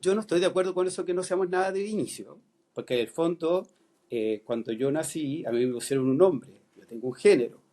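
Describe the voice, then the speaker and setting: In this podcast conversation, a middle-aged Chilean philosophy teacher with a Chilean accent speaks in a fairly high, mellow voice that is animated and fairly quick. He comes across as thoughtful, often hesitating and starting over.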